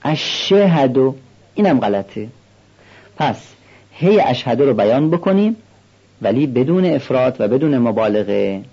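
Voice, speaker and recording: A man teaching how to recite a prayer call, explaining calmly and slowing down to demonstrate the pronunciation. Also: medium pitch, husky, dull audio. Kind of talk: instructional explanation with recited examples.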